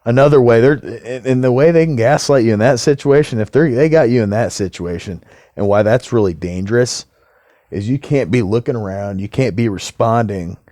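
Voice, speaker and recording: A man's voice: mid-range voice, dark tone, no echo, studio quality. A man talking in a casual monologue to camera as a vlogger, ranting heatedly and swearing.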